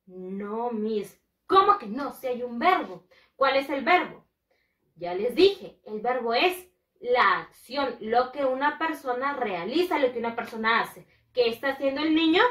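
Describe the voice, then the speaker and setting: A woman teaching English to young children, a Spanish speaker who drills pronunciation slowly and emphatically and switches between two languages. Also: high voice, fairly bright tone, roomy sound, far from the mic, rough recording. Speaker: first-grade English teacher. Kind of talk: bilingual classroom lesson.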